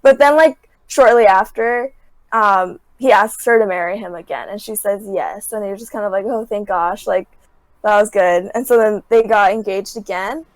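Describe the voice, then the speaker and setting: A woman's voice: medium pitch, normal speed, dry recording, low-quality recording. A young adult woman as a podcast guest, casually retelling scenes from a show with constant filler words. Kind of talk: casual chat.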